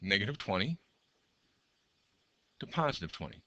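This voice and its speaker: A man's voice: fairly low pitch, big pitch swings, moderate pace, pushed and bright, lo-fi sound. A male math teacher who is losing his voice, talking through graph sketches step by step and counting aloud. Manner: talks through each step while drawing, counts aloud.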